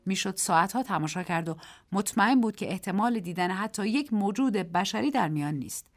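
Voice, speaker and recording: A woman narrating a short story on a radio program in a measured, expressive way. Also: medium pitch.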